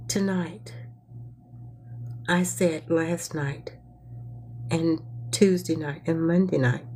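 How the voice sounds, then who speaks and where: A woman's voice: sits low, a little mellow, slight background noise. A woman hosting a live-streamed motivational talk, congested and stuffy-nosed, who repeats her phrases and coaxes her audience to respond. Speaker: livestream host.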